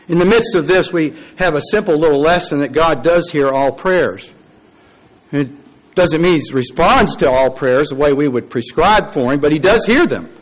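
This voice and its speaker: A man preaching a sermon, telling a story with dramatic pauses, acted quotes and wry, folksy asides. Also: sits high, fairly bright tone, rough recording.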